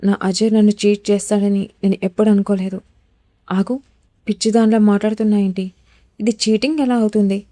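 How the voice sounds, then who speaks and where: A woman's voice: medium pitch, mellow, dry recording, close to an everyday voice. A woman voicing a heartbroken, defiant young wife in a storybook reading, tearful and reproachful.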